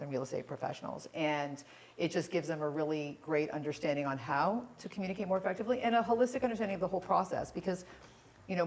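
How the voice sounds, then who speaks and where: A woman's voice: fairly low pitch, darkish tone, low-quality recording. A woman from Toronto, a communication coach guesting on a cooking show, explaining her work earnestly in long, flowing sentences. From Toronto, Canada. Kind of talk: casual interview chat.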